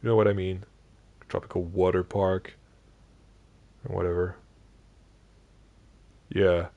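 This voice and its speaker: A man's voice: low-pitched, little pitch movement, slow, vocal fry, narrow, tinny audio. A man live-streaming a building game late in a long session, chatting loosely with viewers and restarting his sentences a lot. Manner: rambling, many restarts and fillers, chatting with viewers. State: sleepy, yawning. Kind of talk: casual live-stream chat while gaming.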